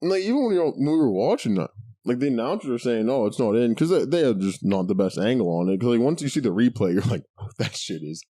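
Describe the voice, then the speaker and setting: A man's voice: medium pitch, big pitch swings, fast, mellow, no room sound, studio quality. A man co-hosting a podcast, chatting casually with profanity, sarcasm and frequent laughter. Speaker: podcast co-host. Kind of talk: casual chat.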